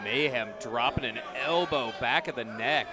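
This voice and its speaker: A man's voice: medium pitch, moderate pace. A man doing color commentary at a wrestling match, explaining strategy in casual, chatty phrasing. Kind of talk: live wrestling commentary, conversational analysis. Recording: noisy live event, loud crowd around him. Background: crowd noise of a live wrestling event.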